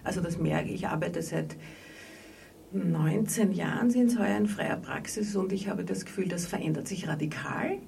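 Lady therapist, low gravelly voice, dark tone, bit far from the mic, faint noise behind. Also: moderate pace. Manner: thoughtful, hesitant, many fillers. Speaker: psychotherapist in private practice. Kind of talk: radio interview.

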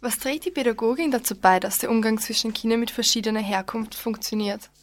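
A woman's voice: fairly high pitch, brisk, dry recording. Young female host, formal and scripted, dry close sound. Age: young adult. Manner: read-out, formal questions. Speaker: interview host. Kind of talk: scripted radio interview.

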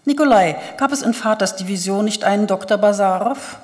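A woman reading the lines of a proud older male aristocrat, slow and ironic. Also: mid-range voice, a little mellow, lightly acted. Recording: long hall reverb.

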